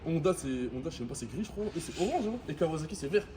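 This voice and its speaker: Fast, high-pitched young man talking street slang. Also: animated, crowd noise. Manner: French suburban street slang. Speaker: vlogger reviewing a scooter. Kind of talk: casual chat to camera. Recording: noticeable ambient background noise.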